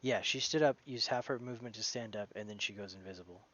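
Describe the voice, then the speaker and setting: A man's voice: fairly low pitch, quick pace, fairly bright tone, lo-fi sound. A man narrating as game master in a tabletop game, casual, swearing now and then, restarting his phrases as he goes.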